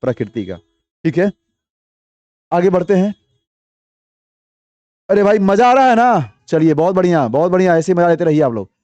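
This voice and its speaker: A man's voice: high-pitched, expressive, normal speed, pauses often, a little mellow, no room sound, dull audio. A young man teaching an online exam-prep lesson, explaining step by step, repeating each answer and quizzing his viewers.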